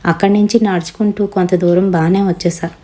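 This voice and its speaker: A woman's voice: on the low side, steady tone, a little fast, warm tone. A woman narrating a first-person horror story in a conversational retelling manner, acting out the family members she quotes.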